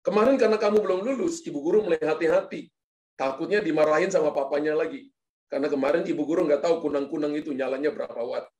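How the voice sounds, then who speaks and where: A man's voice: on the high side, fast talker, darkish tone, roomy sound, lightly acted. A pastor voicing a stern female schoolteacher who scolds a pupil, in a sermon story. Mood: polite, wary. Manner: scolding, condescending.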